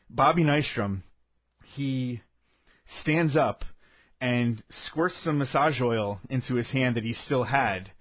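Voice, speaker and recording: A man tells an outlandish sports yarn with a straight face, often tripping over and restarting his sentences. His voice sits at an ordinary middle pitch. The recording is dry and slightly dull, with no room sound. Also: dry recording. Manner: deadpan tall tales with rambling restarts. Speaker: comedic storyteller. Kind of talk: comic sports storytelling.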